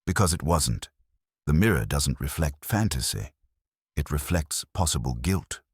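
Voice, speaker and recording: A man reading the lines of a grave, deliberate police inspector in a mystery story, in clipped pronouncements. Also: extremely low pitch, expressive, breathy edge, no room sound, clean studio sound, full character voice. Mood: intent, ominous. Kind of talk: read-aloud mystery story dialogue.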